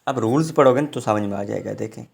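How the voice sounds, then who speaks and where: In a recorded online lecture, a man with a fairly low, creaky, slightly mellow and breathy voice teaches English grammar. He explains slowly and step by step, frequently checking in with his students.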